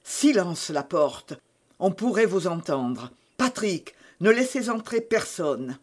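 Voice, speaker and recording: Man doing a haughty duke, high strained voice, storybook reading. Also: very animated, slow, full character voice. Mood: urgent. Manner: indignant outbursts, raised pitch. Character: proud male duke, haughty and quick to anger.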